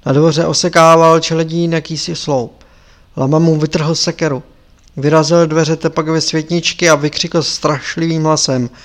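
A man reading an audiobook in a calm, measured narration. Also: fairly high pitch.

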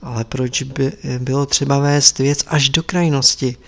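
A man voicing a doubting senior monk who speaks in a hushed, reproachful way, in a story read aloud. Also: mid-range voice, steady tone, vocal fry. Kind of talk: audiobook character reading.

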